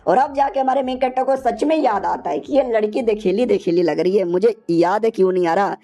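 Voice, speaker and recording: A woman's voice: mid-range voice, fairly quick, mellow. A woman telling a comic story recap in a chatty, slangy, playful way.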